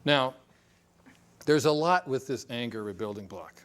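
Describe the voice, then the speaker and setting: A man's voice: mid-range voice, expressive, measured pace. Man presenting a divorce recovery seminar. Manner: warm, conversational, with joking asides and acted-out examples. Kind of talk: recorded seminar talk.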